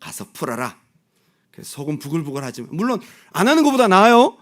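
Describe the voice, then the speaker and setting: A male pastor preaching a sermon, asking the congregation direct questions and swinging from loud exclamations to soft asides. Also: high-pitched, big pitch swings, very fast.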